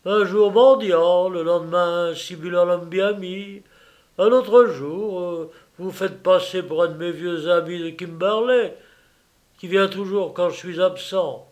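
A man voicing an older, furious, blustering millionaire who shouts threats and insults in a storybook reading. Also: high voice, slow pace, voice pushed up.

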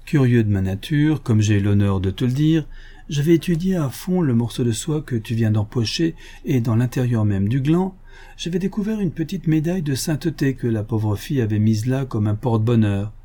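A man reading the part of a cocky, mocking gentleman thief in an audiobook, taunting and condescending. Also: mid-range voice, expressive, normal speed, close to an everyday voice.

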